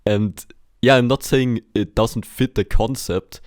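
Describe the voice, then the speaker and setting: A man's voice: medium pitch, measured pace, a little mellow, dry recording. A man co-hosting a podcast, talking casually about a film with hesitation and dry, wry jokes, a native German speaker. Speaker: podcast co-host.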